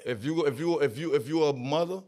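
A man's voice: on the high side, brisk, a crowd in the background. A man joining a casual podcast chat, blunt and stammering at the start of his points.

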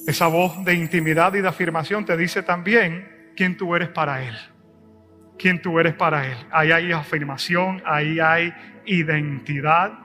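A middle-aged male pastor preaching a sermon, swelling loud and high at times, then dropping soft. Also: steady tone, a little slow, faint music behind. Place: church service.

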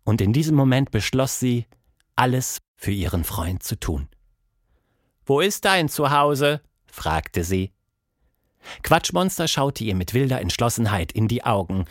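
A man narrating a children's story in a scripted, expressive way. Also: on the low side, a little slow, no room sound, studio quality.

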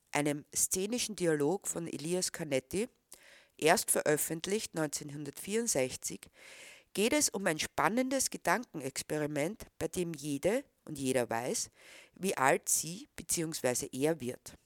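A woman giving a scripted literary introduction and reading aloud, expressive and engaged. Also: low voice, no echo, studio quality. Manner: expressive, recommending tone. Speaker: literary reader.

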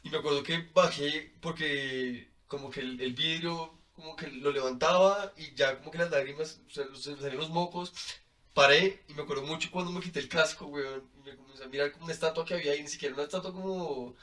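A Colombian man, a podcast guest, telling a travel story in an animated, casual way, laughing often and filling with "como". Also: fairly high pitch, quick pace, recorded from a distance.

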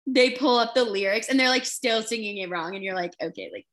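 A woman's voice: fairly high pitch, a bit bright. A young woman co-hosting a casual chat podcast, laughing a lot and filling her speech with "like". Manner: laughing, filler-heavy, quick agreeing. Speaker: podcast co-host.

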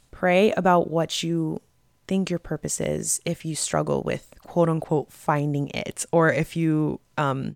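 A young woman host giving earnest, encouraging faith-based advice in a casual motivational talk, with relaxed fillers. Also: deep voice, creaky, dry recording, clean studio sound.

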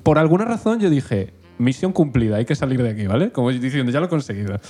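A man co-hosts a casual podcast. He jokes, chips in and tells his own stories in a mid-pitched, everyday voice. Faint music plays behind him. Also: big pitch swings, dark tone, slightly rough. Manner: joking, quick interjections. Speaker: podcast co-host. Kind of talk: casual chat.

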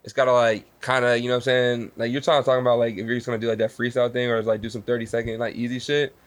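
Quick-talking young American bro. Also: male voice, medium pitch, level tone. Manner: slangy, profane, loose bro-style talk. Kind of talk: casual chat.

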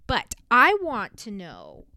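A woman's voice: fairly high pitch, wildly swooping pitch, takes it slowly, sharp tone, dry recording, studio quality. A woman hosting a casual podcast, interviewing her wife in a playful, teasing way. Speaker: podcast host.

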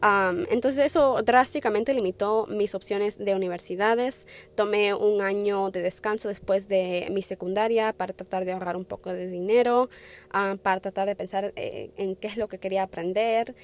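This young podcast host, in her twenties, speaks Spanish in a casual personal chat, halting with fillers and restarts and dropping in English words. She has a medium pitch, a steady tone and a normal speaking speed.

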